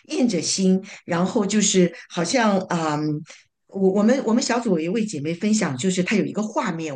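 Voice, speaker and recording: A woman with a fairly low voice that rises and falls a lot, sharing thoughts from her church group. She talks in a halting way, full of fillers and restarts. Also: darkish tone. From living in North America. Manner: halting, many fillers and repeated words. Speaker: church small group member giving a summary.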